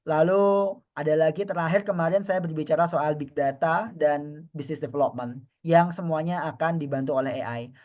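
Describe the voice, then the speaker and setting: A man's voice: on the high side, fairly even intonation, moderate pace, a little mellow, dull audio. A man from Indonesia, a university lecturer, giving a friendly, chatty online webinar lecture and often addressing the audience as friends.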